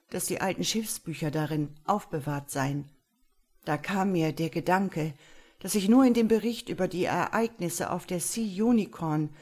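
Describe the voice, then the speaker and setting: A troubled young man, read aloud by a woman gives a long, halting confession after his arrest. The voice sits low and plain, with a storybook feel. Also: a little mellow, lightly acted.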